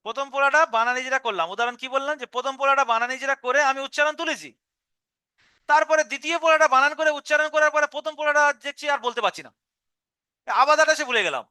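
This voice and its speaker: High, bright-voiced man teaching a class. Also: fast, dry recording, studio quality. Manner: patient, step-by-step explaining, repeats syllables aloud. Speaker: Quran reading teacher. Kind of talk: live online class instruction.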